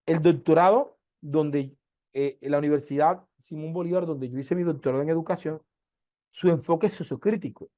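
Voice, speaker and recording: Colombian lecturer teaching an online class. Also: male voice, a little high, dark tone, no echo, clean studio sound. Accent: Colombian Caribbean coast, softened. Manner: explanatory, asks "¿sí?" often, with slow emphatic stretches. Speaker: university lecturer. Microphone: video call.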